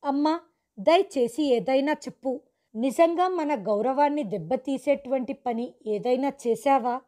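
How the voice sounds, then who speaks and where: A harsh, demanding young man who confronts his mother with loud, forceful questions, read by a woman narrator. The voice sits high, with a dark, mellow tone. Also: a little slow. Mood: angry.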